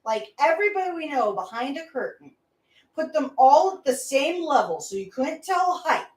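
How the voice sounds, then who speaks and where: A woman co-hosting a casual livestream discussion, animated and teasing. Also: high-pitched, normal speed, recorded from a distance. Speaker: co-host. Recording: echoey room, off the mic.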